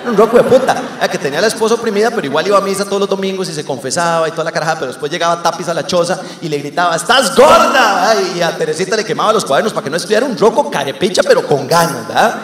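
Man, Costa Rican accent, stand-up comic, crude swearing storyteller, high voice, echoey theater hall. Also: rapid-fire, hardly any pauses, a crowd in the background. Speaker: comedian. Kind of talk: stand-up comedy.

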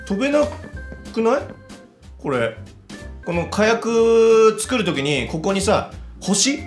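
A man giving casual let's-play commentary, chatty and excitable, talking to himself as he plays. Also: high-pitched, takes it slowly. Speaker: game commentator. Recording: roomy echo with background music.

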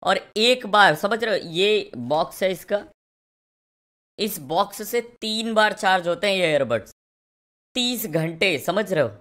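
A man's voice: sits high, animated, unhurried, a bit bright. A young man streaming a game and doing sponsored commentary, with crude, rowdy, teasing banter. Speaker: gaming streamer.

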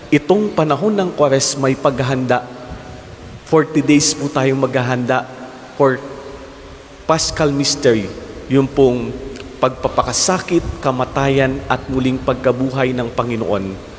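A young man with a Filipino accent, a priest giving an earnest homily in a small chapel, slipping English phrases into his sermon. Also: mid-range voice. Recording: long hall reverb, faint noise.

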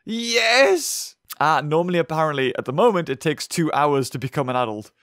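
Fast and fairly bright in tone, this young man's voice is on the high side but rough and hoarse from a sore throat. As a gaming video host, he offers casual commentary on his game and reacts out loud to the on-screen action.

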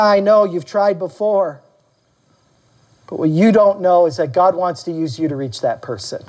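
A male pastor preaching a sermon to his church, animated, questioning the congregation and calling for amens. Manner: animated preaching, acting out quoted voices with rising pitch. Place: church service.

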